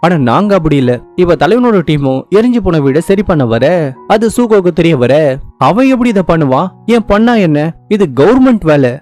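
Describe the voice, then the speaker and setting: High-voiced male drama recap storyteller. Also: normal speed, faint music behind. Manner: lively, reads out all the dialogue himself.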